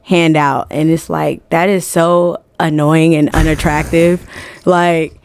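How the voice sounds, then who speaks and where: Woman podcast guest, from New Jersey by way of Atlanta: slow, low, blunt, quick to laugh. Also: little pitch movement, clear, resonant tone. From born in New Jersey, raised in Atlanta. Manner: frank, laughing, emphatic. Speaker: music management guest. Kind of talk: casual podcast chat.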